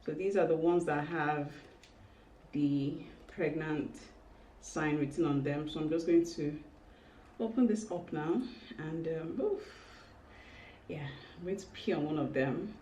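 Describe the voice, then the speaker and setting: A woman in her thirties talking casually and confessionally to vlog viewers, candid and emotional, with halting speech and small exclamations. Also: low voice, warm tone. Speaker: vlogger. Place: indoors in a home room. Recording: roomy, distant mic, faint noise.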